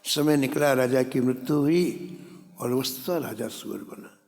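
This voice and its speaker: A man's voice: medium pitch, a little slow, creaky, darkish tone, faint music behind. A man preaching a sermon, telling a devotional story and briefly acting out the characters' lines. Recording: long hall reverb.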